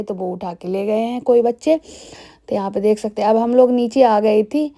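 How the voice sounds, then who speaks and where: A woman's voice: mid-range voice, warm tone. A young woman, chatting casually as she explains wedding customs to her viewers. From Bihar, India. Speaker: vlogger. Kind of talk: casual vlog voice-over.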